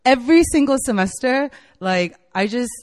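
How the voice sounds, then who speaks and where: With a fairly high, lively voice at normal speed, this Virginia woman in her late twenties preaches to college students in a university meeting room as campus ministry staff. Her sermon is casual, chatty and enthusiastic, packed with "like" and "right?". The sound is that of a big room.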